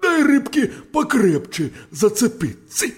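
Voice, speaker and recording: A man's voice: extremely high pitch, big pitch swings, takes it slowly, voice pushed up, heavily acted. A man voicing a greedy male wolf in a storybook tale, mumbling and stammering. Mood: growling. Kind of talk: storybook narration.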